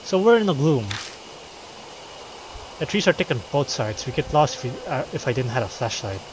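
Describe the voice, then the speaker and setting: A man playing through a game, reading its text aloud and reacting excitedly, swearing often. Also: medium pitch, moderate pace, background noise. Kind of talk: playthrough narration with reactions.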